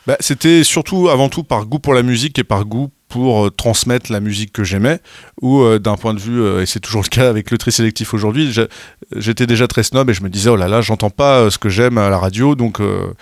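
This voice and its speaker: A low-voiced hesitant man in his thirties. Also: fairly quick, no echo, clean studio sound. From France, Maine-et-Loire. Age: 30s. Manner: hesitant, many filler sounds and restarts. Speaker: radio host interviewed as guest. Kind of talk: casual interview answers.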